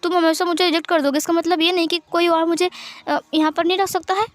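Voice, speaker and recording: A woman's voice: very high-pitched, flat delivery, fast talker, no room sound, voice pushed up. A woman voicing a flustered young man who stammers when scared, in a storybook reading. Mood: defiant.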